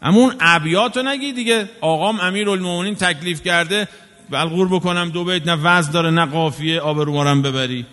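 A man's voice: sits high, pushed and bright. A man delivering an impassioned sermon, scolding and full of rhetorical questions. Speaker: preacher. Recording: long hall reverb.

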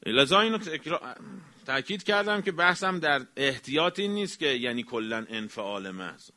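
A cleric gives a religious lecture in an emphatic manner, his voice climbing to raised exclamations before sinking into quiet, low remarks. His pitch swings widely throughout.

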